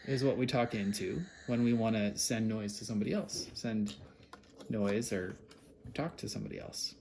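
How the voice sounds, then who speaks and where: A parent hosting a homemade kids' take-apart video talks at a normal pace in a lowish, somewhat mellow voice. He explains the hands-on work to a child casually, prompting patiently with questions. Handling clicks and background noise are clear.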